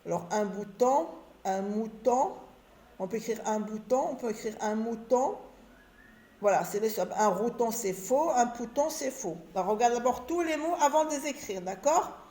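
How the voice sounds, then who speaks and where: A woman teaching beginners to read, sounding out syllables slowly and drawing out each sound. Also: on the high side, lively intonation, mellow. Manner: slow, drawn-out syllable sounding. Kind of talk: reading lesson for beginners. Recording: echoey room.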